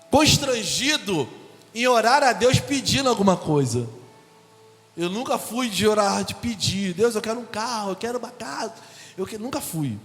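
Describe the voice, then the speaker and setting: Animated preacher man in a reverberant hall. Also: high voice. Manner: animated storytelling, acts out dialogue. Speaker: guest preacher. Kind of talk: sermon testimony. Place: church hall. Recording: long hall reverb with faint music.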